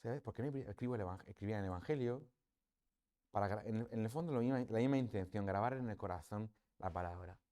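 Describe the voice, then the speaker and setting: A man's voice: on the low side, fast, warm tone. A man with a Spanish accent giving a parish talk on prayer, conversational and reflective, often adding tag questions. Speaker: priest. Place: parish hall or church.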